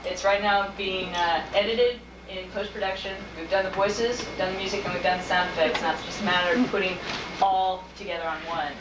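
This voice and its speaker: A woman's voice: mid-range voice, steady tone, brisk. Woman talking to a con crowd, old vhs camcorder tape, far off mic, lots of echo. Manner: chatty, informal, addresses the crowd directly. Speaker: fan video creator presenting at a convention panel. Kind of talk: casual panel talk to an audience. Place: convention screening room with audience. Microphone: camcorder mic from across the room. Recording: echoey hall, distant camcorder mic, tape hiss.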